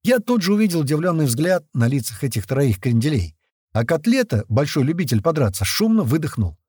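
A man narrating an action novel as an audiobook, reading in a lively, animated way. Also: a little high, a little fast, slightly rough, no room sound, studio quality.

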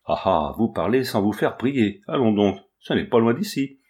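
A man's voice: lowish voice, expressive, moderate pace, close to an everyday voice. A man voicing a poor, elderly female ragpicker who talks brusquely but turns kind. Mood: gruff, coaxing. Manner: brusque scolding that softens into kindness.

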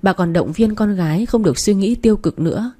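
A woman narrating a story in a calm, steady audiobook style. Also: mid-range voice, fairly quick.

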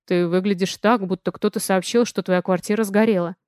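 A woman reading aloud, voicing a playful young male rescue worker in a soft, slightly lowered tone. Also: steady tone, fairly quick, clean tone, no room sound, clean studio sound, close to an everyday voice. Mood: puzzled.

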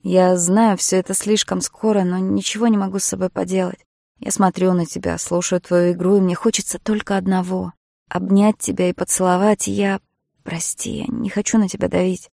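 An earnest young marine pleads tenderly with the woman he loves, voiced by a female audiobook narrator. His lines come out warm and slightly gravelly. The recording is close and dry. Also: fairly low pitch, level tone, normal speed, dry recording. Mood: pleading.

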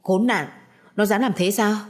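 A woman's voice: mid-range voice, normal speed, natural voice. A woman reading a stern, protective grandfather. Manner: stern and forceful. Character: angry protective grandfather, older man.

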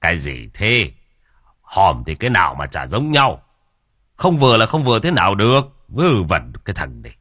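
A man voicing a short-tempered old village coffin maker who talks gruff, blunt and scolding. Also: lowish voice, wildly swooping pitch, unhurried, pauses often, a bit bright, no room sound, clean studio sound, voice pushed up, heavily acted. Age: older.

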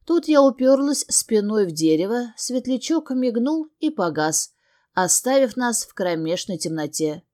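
A woman's voice: fairly high pitch, sing-song, unhurried, mellow. A woman reading a first-person fantasy novel aloud, earnest and emotional. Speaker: audiobook narrator.

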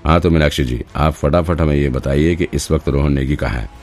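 A man voicing a calm, authoritative male detective in an audiobook. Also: very deep voice, fairly quick, faint music behind. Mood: firm.

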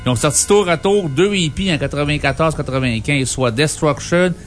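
A man's voice: on the high side, moderate pace. Quebec French man chatting over music. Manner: informal, joking, wry. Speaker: music show co-host. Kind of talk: casual album review chat.

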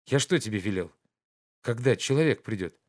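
A man's voice: lowish voice, expressive, moderate pace, a little mellow, natural voice. A man voicing a fretful idle nobleman. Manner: fretful, peevish scolding.

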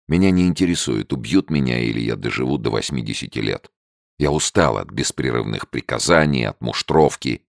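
A man voicing a stubborn young male soldier who speaks sharply and excitedly, his voice cracking at times. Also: a bass voice, gravelly, no echo, clean studio sound, exaggerated voice. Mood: weary. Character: tense bitter young male deserter, stubborn.

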